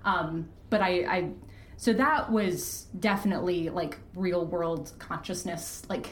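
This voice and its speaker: With a lowish, unhurried voice, a podcast creator talks openly as a guest in an interview. Her explanations come across as sincere and forceful. The room adds a noticeable echo.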